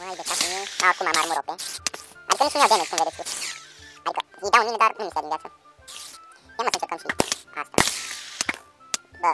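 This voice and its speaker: Man, let's-play commentary, excitable, swears and yells at enemies, loud game music behind. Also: high voice, poor audio. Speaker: gaming channel host.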